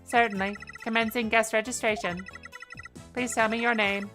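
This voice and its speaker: A chirpy, literal-minded robot guide from a video game, as a woman puts on its voice. It speaks in flat, clipped robotic announcements, a little lower and softer than her usual talk, with a bright, forceful edge and faint music underneath. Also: moderate pace. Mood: announcing. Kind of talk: reading game dialogue aloud.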